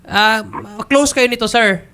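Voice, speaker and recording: A Filipino host's voice, bright and smooth, probing politely and peppering each question with "sir" and "ma'am". He sounds firm but courteous. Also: extremely high pitch, slow pace. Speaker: host. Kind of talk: complaint show interview.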